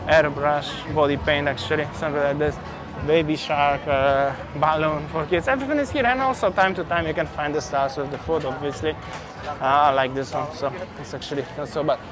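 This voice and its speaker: A travel vlogger from Poland walks through a busy outdoor street market, talking briskly over music in a fairly high voice with fairly even intonation. He has a Polish accent, chats freely, repeats his words, and uses simple non-native phrasing.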